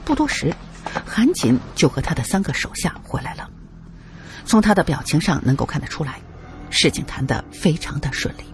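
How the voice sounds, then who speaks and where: A male narrator tells a first-person adventure story in a dramatic, colloquial manner. His pitch rises and falls with wide, animated swings. Faint background music runs under the reading. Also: normal speed.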